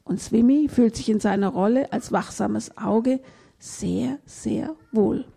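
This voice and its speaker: A woman reads a children's picture book aloud, telling the story gently and taking it slowly. Her dark, mellow voice has a husky, gravelly grain and sits a little high for a woman.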